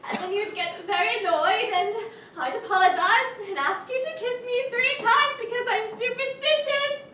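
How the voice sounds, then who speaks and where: A woman's voice: very high-pitched, moderate pace, pushed and bright, slight background noise. Woman playing a gushing theatrical leading lady. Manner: gushing, overacted. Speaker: stage actor. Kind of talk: theatrical stage acting. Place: theater stage. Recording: distant echoey theater stage recording.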